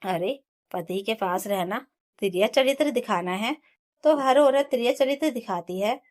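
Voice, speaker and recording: A woman's voice: a little high, animated, measured pace, a little mellow. A woman voicing a young wife, hurt and pleading for her rights in an emotional storybook reading. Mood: indignant. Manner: emotional, rising to impassioned protest.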